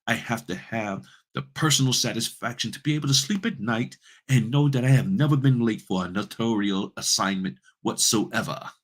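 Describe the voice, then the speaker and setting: A haughty, scolding newcomer notary in a put-on British accent, played by a man. The pace is slow and drawn out, each reproach stretched for effect. The voice sits higher than the performer's usual deep register. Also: lightly acted. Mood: indignant. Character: prim, indignant, self-righteous brand-new notary.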